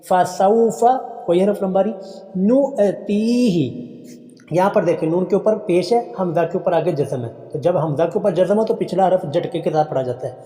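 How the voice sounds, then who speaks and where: A male Quran teacher with a Pakistani Urdu accent works through a lesson, chanting each phrase in slow, drawn-out syllables before correcting the pronunciation plainly. His voice is dark and mellow. The recording rings in an echoey room with long reverb. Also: sits high. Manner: drawn-out, slowed recitation of each phrase, then calm correction. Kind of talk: slow tajweed lesson, reciting then explaining.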